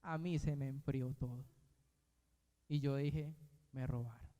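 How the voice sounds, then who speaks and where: A man preaching a sermon, telling a personal story, building to emphatic peaks and then dropping low. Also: steady tone, slow pace, mellow, highs cut off. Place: church hall. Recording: reverberant church hall.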